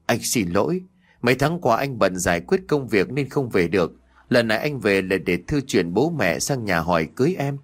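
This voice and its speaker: A man playing a smooth-talking deceitful husband. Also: lowish voice, sing-song, moderate pace. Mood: reassuring, evasive. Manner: forced reassuring tone. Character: young husband, deceitful, forced calm.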